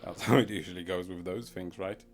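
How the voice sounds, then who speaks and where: A man's voice: sits low, steady tone, a little fast, slight background noise. A man casually commenting as he plays a game on a live stream, rambling and muttering to himself and chuckling at his own wordplay. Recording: background music under the voice.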